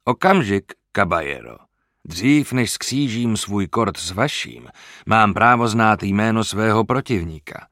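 Man reading a pompous, bragging Spanish count for an audiobook; low, slow, blustery; dry booth sound. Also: animated, fairly bright tone, no echo. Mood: haughty. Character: boastful pompous Spanish nobleman swordsman.

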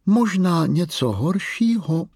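A man doing Mymble's gloomy, high-voiced daughter. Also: lively intonation, a little mellow, slightly rough, no echo, exaggerated voice. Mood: ominous. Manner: dry, ominous warnings. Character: gloomy, matter-of-fact young girl creature.

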